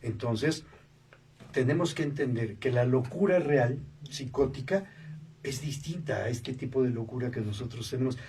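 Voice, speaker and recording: A man's voice: mid-range voice, normal speed. A man, a radio show guest telling stories and acting out the voices of people he quotes. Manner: animated, acts out quoted voices, tags remarks with "¿no?". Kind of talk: storytelling interview talk. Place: radio studio. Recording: distant mic, faint background noise.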